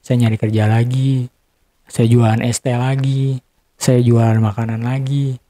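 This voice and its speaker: A young man recounts a painful chapter of his life in an interview. His voice is soft and dark, and the recording sounds dry and close. He speaks haltingly, repeating and restarting his words. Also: mid-range voice, flat delivery, dry recording. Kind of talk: emotional personal storytelling.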